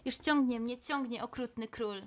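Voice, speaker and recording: A woman voicing a frightened young boy who pleads urgently with his father in a high voice. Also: moderate pace, natural voice.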